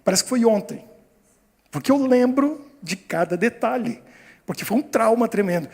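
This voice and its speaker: A Brazilian man in his fifties, a pastor telling a story in a sermon, with a high, slightly husky voice. He acts out the people in his story with animated voices, and his words ring out with the long reverb of a church hall. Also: normal speed. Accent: Brazilian Portuguese. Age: 50s.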